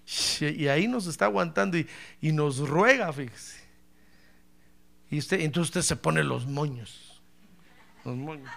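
A man's voice: fairly high pitch, a little slow, creaky, long pauses, fairly bright tone. A pastor preaching a humorous sermon, acting out little dialogues and calling his listener brother.

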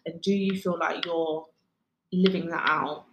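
A woman's voice: fairly low pitch, steady tone, unhurried, lo-fi sound, noisy background. A British woman co-hosting a podcast in casual, slangy chat, tired from a sleepless night, laughing easily. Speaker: podcast co-host. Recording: echoey room.

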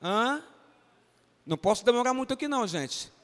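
A Brazilian Portuguese-accented pastor leads an interactive Bible lesson for children in a church, coaxing each child by name to answer. His voice is very high, expressive and fairly bright, moving at a normal speed. The sound echoes around a reverberant church hall.

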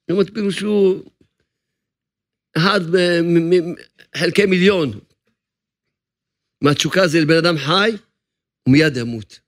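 A rabbi delivers a sermon in a fairly high voice. He is emphatic and hammers home his points by repeating phrases over and over. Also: long pauses, no echo.

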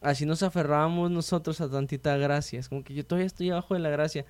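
Higher-voiced man explaining faith. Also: fast, smooth. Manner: explains with homely comparisons, relaxed. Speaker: host.

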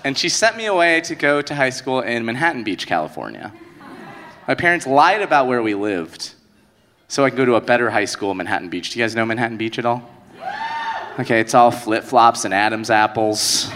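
A man's voice: mid-range voice, animated, a little fast, crowd noise. A male comedian telling a joking personal story live on stage to an audience, with punchy delivery. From United States.

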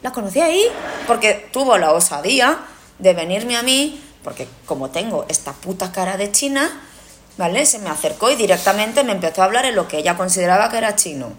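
Fairly quick and expressive, this mid-range female voice belongs to a podcast host with a Spain Spanish accent. In casual chat she tells anecdotes bluntly, swearing and playing out the dialogue, over slight background noise.

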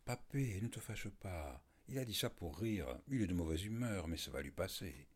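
Narrator voices a worried young peacemaker; low, husky. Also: male voice, animated, normal speed. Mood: placating. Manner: placating. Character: young nervous nephew, peacemaker.

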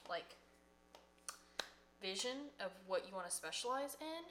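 A woman's voice: medium pitch, animated, measured pace, bright, forceful tone, a little hiss or hum. A woman hairstylist co-hosting a podcast from home, giving casual advice with many fillers. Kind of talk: casual chat.

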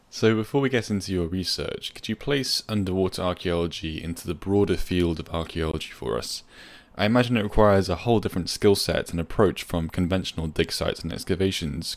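A young man hosting an academic podcast, reading his introduction in a measured, formal way and then questioning his guest. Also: deep voice, gravelly, no room sound. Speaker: podcast host. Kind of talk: scripted podcast introduction and interviewing. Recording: music bed behind the voice. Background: music.

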